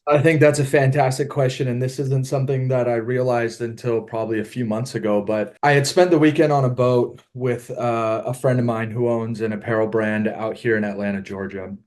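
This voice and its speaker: A man's voice: medium pitch, fairly even intonation, brisk, hardly any pauses, a little mellow. A middle-aged man from Southern California, a podcast guest on a video call, telling his story in an earnest, reflective way. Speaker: podcast guest, apparel founder. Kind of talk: casual interview storytelling.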